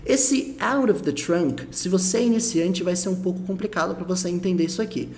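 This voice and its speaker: A man's voice: high voice, brisk, darkish tone. A Brazilian man teaching a lesson, explaining patiently, repeating his points and checking the listener follows. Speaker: English teacher.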